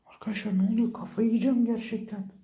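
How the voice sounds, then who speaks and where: A man's voice: high voice, steady tone, fast talker, warm tone. A young man vlogging on his phone, frightened and exclaiming as he keeps talking to his viewers. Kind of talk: scared horror vlog, whispered asides.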